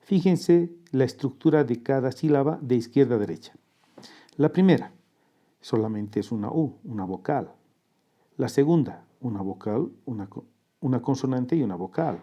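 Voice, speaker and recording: Measured, methodical man teaching a lesson. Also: mid-range voice, lively intonation, mellow, muffled recording. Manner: measured, methodical, breaks words into parts. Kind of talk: scripted lesson narration.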